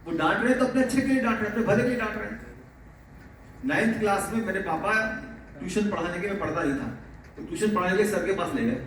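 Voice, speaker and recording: A man's voice: high voice, fast talker. A male teacher giving a motivational talk to students in a fatherly way, laughing often. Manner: fatherly, calls listeners "beta", often laughing. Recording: very echoey, distant mic, faint noise.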